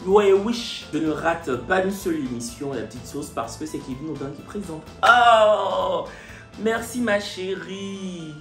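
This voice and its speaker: A woman's voice: low voice, a bit bright, echoey room. A woman, hosting a comic reaction to online comments in a mocking, theatrical way, talking straight back at the people who wrote them. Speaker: online show host.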